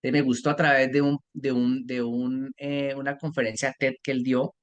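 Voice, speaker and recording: Podcast guest: Colombian man, 40s, mid-pitched, animated and rambling. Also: moderate pace. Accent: Colombian Spanish. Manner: talkative, animated storytelling with restarts. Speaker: guest, parenting mentor. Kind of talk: casual podcast conversation.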